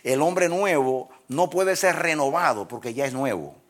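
A pastor preaching a sermon, swinging from loud, emphatic lines to hushed ones and laughing at his own jokes. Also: mid-range voice, animated, a little slow.

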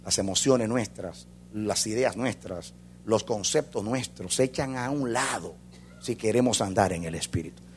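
A man preaching a sermon as a pastor, swinging between loud fervor and hushed intensity. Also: lowish voice, moderate pace, a little hiss or hum.

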